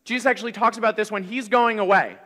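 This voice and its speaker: A man in his thirties preaching a sermon from a pulpit, in a conversational, energetic way. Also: sits high, fast talker. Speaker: pastor. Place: large church hall, on stage at a wooden pulpit. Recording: reverberant church hall.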